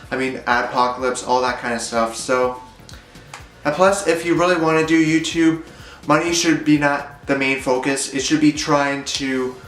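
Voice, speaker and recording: A man's voice: mid-range voice, a bit bright, reverberant, poor audio. A young man rambling through a casual vlog monologue, hesitant and full of fillers. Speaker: YouTuber.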